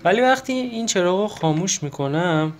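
Man explaining a keyboard, slightly high voice. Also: lively intonation, loud music behind the voice. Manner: explains while pressing buttons, with many fillers and self-corrections. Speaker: keyboard teacher. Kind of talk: casual step-by-step tutorial.

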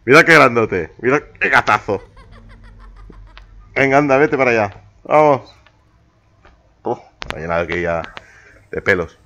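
A man from chatting casually on a live stream, talking playfully to his cat and reacting loudly to a game. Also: medium pitch, a little slow, long pauses. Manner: playful, talks to his cat in baby-ish tones; excitable exclamations. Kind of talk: casual live-stream chat while gaming.

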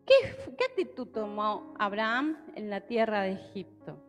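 A young Argentine woman, speaking with an Argentine Spanish accent, delivers a sermon with Bible reading through a handheld mic in an indoor church hall with a stage, often checking in with listeners. Her mid-range voice is unhurried with lively intonation. Long church reverb and soft background music fill the recording.

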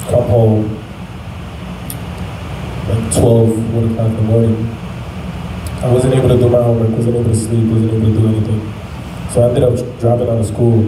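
A young man sharing a personal faith testimony, talking in a halting, reflective way with many fillers. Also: lowish voice. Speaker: testimony speaker. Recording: echoey room, mic at a distance, faint background noise.

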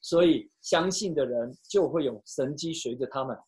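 A pastor preaching and telling a story, switching between hushed and loud delivery, with some halting restarts. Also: mid-range voice. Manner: emotional, with sharp swings from hushed to loud. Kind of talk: storytelling sermon.

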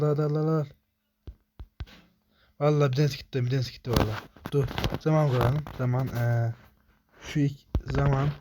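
A young man commentating his own gameplay, talking to himself in rapid muttered repetitions and swearing when frustrated. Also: fairly high pitch, darkish tone, slight background noise. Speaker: gamer.

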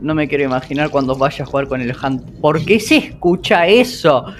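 Excitable, swearing gamer man. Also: a little high, normal speed, a little hiss or hum. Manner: excitable, swears often, nervous outbursts. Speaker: gameplay streamer. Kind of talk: casual game commentary.

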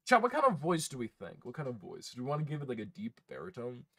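A man's voice: mid-range voice, huge pitch swings, fast, sharp tone. A man casually chatting to his live chat while playing a game, swearing and laughing often. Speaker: streamer.

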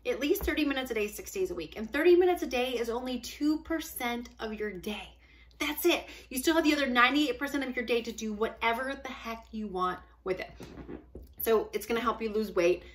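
A woman in her forties coaching viewers on fitness in an upbeat, chatty way. Her voice sits a little high and sounds bright and forward. She's close to a webcam in a small room, emphatic and quick to laugh. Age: 40s. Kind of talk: casual direct-to-camera talk.

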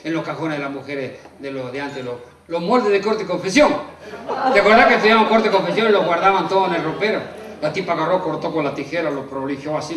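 An Argentine man telling folksy rural jokes with country slang to a live audience from a stage. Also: a little high. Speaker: comedian. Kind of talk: live rural stand-up storytelling. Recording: echoey hall with a distant mic, crowd and noise.

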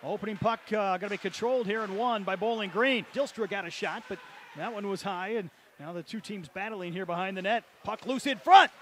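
A man calls hockey play-by-play from an arena with a high, lifted voice. He rattles off names and passes at speed and bursts out when a goal goes in, with faint noise under the mic. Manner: rapid play-calling, erupts on goals. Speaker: play-by-play announcer. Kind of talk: play-by-play sports commentary.

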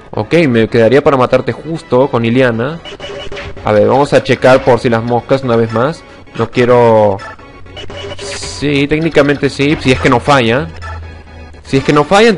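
A young man giving casual let's-play commentary, excitable and swearing, shouting when attacks miss. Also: mid-range voice. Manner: excitable, swears a lot, sudden shouts at misses. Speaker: gaming channel host.

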